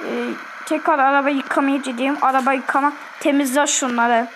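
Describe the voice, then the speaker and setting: A woman's voice: high voice, steady tone, a little fast, background noise. A woman with an Azerbaijani accent giving chatty, repetitive gameplay commentary and keeping up a running talk with her viewers. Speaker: gaming video host.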